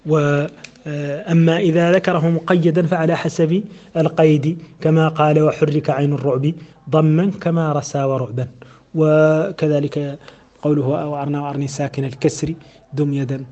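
Methodical male teacher with a mellow, muffled voice. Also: a little high. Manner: methodical, explains rules step by step, many hesitations. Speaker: teacher of Quran recitation. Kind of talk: explaining a classical verse text.

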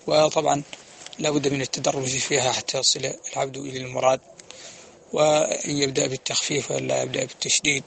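A man giving a religious lecture, explaining steadily and chanting quoted verses slowly. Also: mid-range voice, creaky, a bit bright, a little hiss or hum. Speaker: preacher.

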